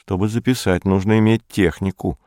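A man's voice: fairly low pitch, steady tone, normal speed, warm tone, no echo, studio quality, close to an everyday voice. A man reading as a thoughtful young woman.

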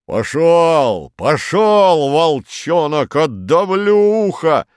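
A huge red-cheeked baron from a storybook, booming and blustering, as a male reader puts him on. He stretches his words out slowly and keeps his voice raised and lively, rising higher than the narration around him. The recording is dry and close. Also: no echo. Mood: booming jovial.

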